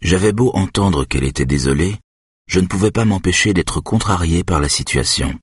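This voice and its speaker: Man narrating an audiobook, extremely low, husky voice, steady and measured. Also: no echo, studio quality. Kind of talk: first-person audiobook narration.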